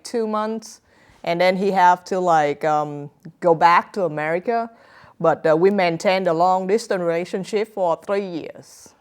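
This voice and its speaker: A young woman from Vietnam with a Vietnamese accent, talking as an interview guest. Her voice sits a little low and sounds smooth and clear. She speaks haltingly, with many fillers and simple grammar. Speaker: author guest. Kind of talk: interview answers.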